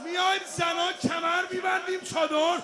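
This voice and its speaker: A man reciting a religious mourning eulogy, shouting and chanting drawn-out lines at a mourning gathering. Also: extremely high pitch, level tone. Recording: live crowd and music behind.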